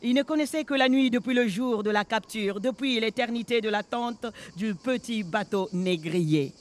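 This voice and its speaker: A man's voice: sits high, close to an everyday voice. An actor playing the haunted, restless ghost of a murdered man in a radio drama, speaking solemnly and telling a story in an incantatory way. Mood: storytelling. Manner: slow, solemn, incantatory delivery.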